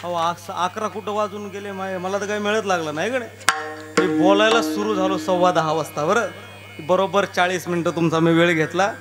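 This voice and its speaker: High-voiced man preaching a kirtan. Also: fairly even intonation, fairly quick. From Beed district, Maharashtra. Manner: jokey, asks the crowd rhetorical questions. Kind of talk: devotional kirtan sermon with sung verses. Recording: live music clearly behind the voice. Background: tabla and harmonium music.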